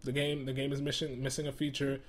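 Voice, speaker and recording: A man's voice: medium pitch, completely flat delivery, quick pace. A man hosting a casual gaming commentary video, exasperated, often laughing and stumbling over repeated words.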